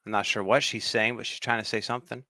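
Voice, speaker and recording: A man, a podcast guest, relaxed and good-humored. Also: medium pitch, fast, no echo, clean studio sound. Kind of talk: casual chat.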